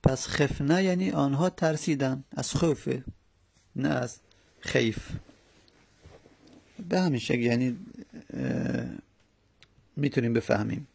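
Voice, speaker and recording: A man teaching a grammar lesson, explaining slowly step by step with many pauses and fillers. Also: mid-range voice, creaky, a little mellow, breathy edge.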